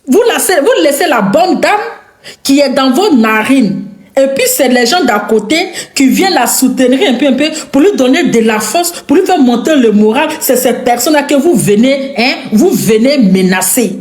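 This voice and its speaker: In an echoey room, a woman with an Ivorian French accent delivers a confrontational rant straight to camera as an online commentator. Her high, darkish voice is animated at a moderate pace. She throws out insults and repeats her lines for emphasis.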